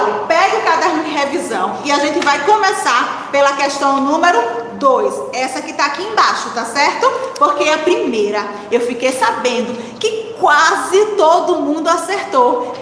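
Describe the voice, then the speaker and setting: A woman teacher leads young children through a recorded reading lesson, breaking words into syllables and asking the class encouraging questions. She speaks high, at a moderate pace with few pauses, in a lively, fairly bright tone. The recording carries slight hiss or hum and a long, echoey reverb.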